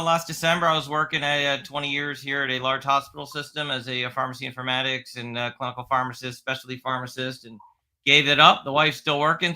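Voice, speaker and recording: A middle-aged man from Florida, a guest on a podcast, talking about his background in a relaxed, halting way full of fillers. His voice is very bright and sharp-edged, at a middle pitch. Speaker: guest, local news page owner. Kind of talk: casual interview.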